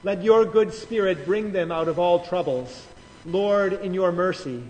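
A high-voiced man leads the prayers of a large church in a slow, measured liturgical cadence. His words roll out into a long cathedral echo. Faint music sits in the background. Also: background noise. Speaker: pastor.

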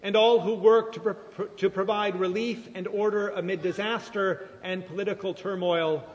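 A man leading formal church liturgy as pastor, solemn and measured, his voice ringing with cathedral-like echo in a large church. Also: sits high, muffled recording. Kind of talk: formal liturgical prayer recitation. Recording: long church reverb, cathedral-like echo, faint noise.

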